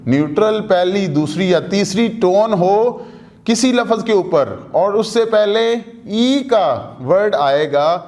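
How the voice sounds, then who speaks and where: A male language teacher, a native Urdu speaker, explaining Chinese tone rules to students. He asks questions and answers them himself, repeats example words slowly, and mixes in English terms. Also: high voice, darkish tone.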